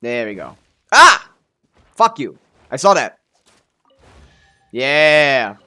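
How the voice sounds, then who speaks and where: Very slow and sharp-toned, a man with a mid-range voice and big swings in pitch chats casually while streaming a video game. He thinks out loud hesitantly, his sentences trailing away, in typical laid-back gaming livestream talk.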